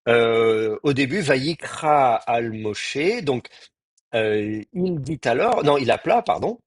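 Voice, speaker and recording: Man, Hebrew teacher, online lecture, halting with fillers, husky, dry close sound. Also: medium pitch, very animated, dry recording. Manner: halting, many fillers and restarts, spells out Hebrew words slowly.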